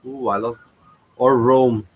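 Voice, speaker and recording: A man's voice: mid-range voice, fairly even intonation, slow pace, breathy edge, dull audio. A man hosting his own channel, giving casual reaction commentary in a hesitant way, with frequent fillers and restarts. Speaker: channel host reacting to a past contest.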